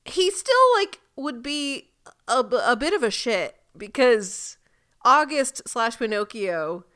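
A woman's voice: a little high, sing-song, slow, pushed and bright. A woman co-hosting a podcast, chatting casually and reasoning through points in a conversational way. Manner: conversational, reasoning aloud, light laughter. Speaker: podcast co-host. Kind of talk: casual recap chat.

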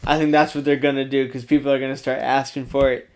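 A man's voice: mid-range voice, little pitch movement, fast talker. A young man co-hosting a podcast, chatting casually late at night and laughing easily. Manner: chuckling, easygoing. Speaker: podcast co-host.

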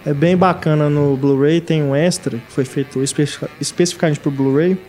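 A man's voice: fairly high pitch, steady tone, normal speed, darkish tone. A man co-hosting a casual film talk, enthusiastic and addressing the viewers, with many fillers. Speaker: co-host discussing films.

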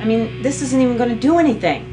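A woman's voice: fairly high pitch, animated, quick pace, music in the background, close to an everyday voice, poor audio. A middle-aged woman playing a stern, exasperated, dismissive mother in an amateur film, scolding in a stagey way.

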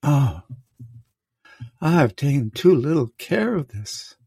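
A man reading the part of an old king in a storm, declaiming the verse slowly with heavy pauses. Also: fairly high pitch, sing-song, gravelly, mellow, husky, no room sound, studio quality, heavily acted. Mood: brooding. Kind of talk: reading a play aloud.

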